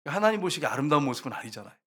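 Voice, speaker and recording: Male pastor, fairly high voice, animated sermon with acted-out voices, speaks straight to the congregation. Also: very fast. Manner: lively storytelling, acts out voices and rooster crows; often addresses the congregation directly.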